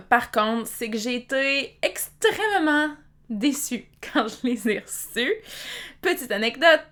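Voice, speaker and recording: A woman's voice: on the high side, bright, forceful tone. A young woman with a Québécois French accent, chatting casually to camera about books she bought, with many fillers. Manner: chatty, rambling, frequent "euh" fillers. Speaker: book vlogger. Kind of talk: casual book haul vlog.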